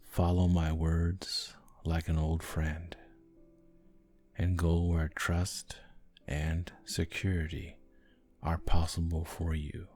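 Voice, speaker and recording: This sleep hypnosis is led by a man whose low, mellow voice stays completely flat, barely rising or falling as he speaks gently and soothingly. Music plays behind him, and between long pauses he occasionally drops to an airy near-whisper.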